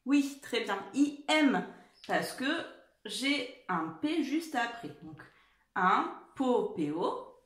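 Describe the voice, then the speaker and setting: A woman teacher giving a dictation lesson to young children, spelling out words and letters slowly and carefully. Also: fairly high pitch, very animated, fairly bright tone, echoey room. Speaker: primary school teacher.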